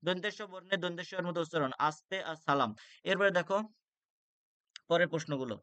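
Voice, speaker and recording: A man's voice: fairly high pitch, fairly quick, pushed and bright, no echo. A young man tutoring for an exam, reading rules aloud with many "ah" fillers and restarts. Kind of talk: exam-prep lecture.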